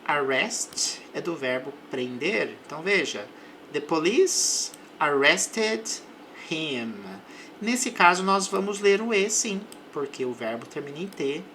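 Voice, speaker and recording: Man, Brazilian Portuguese accent, English teacher, very slow deliberate delivery, faint hiss behind. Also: on the high side, expressive, pushed and bright. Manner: slows right down to model English phrases. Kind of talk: slow explanatory language lesson.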